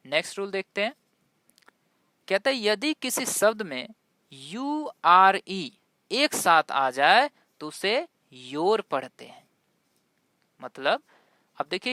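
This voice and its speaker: A male teacher going slowly through a pronunciation lesson, spelling words out letter by letter and checking in with his listeners as he goes. His voice is bright and crisp. The recording is close and dry, with no room sound. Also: fairly high pitch, dry recording. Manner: spells words letter by letter, then says them. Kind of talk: explanatory lesson.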